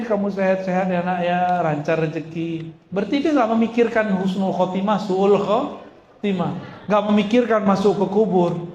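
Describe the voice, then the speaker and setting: A man preaching to a congregation in a lively, conversational way, quizzing the audience with rhetorical questions and slipping in jokes. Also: high voice, muffled recording. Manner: joking asides. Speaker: Islamic preacher. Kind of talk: lively sermon to a live congregation. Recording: echoey hall with faint background noise.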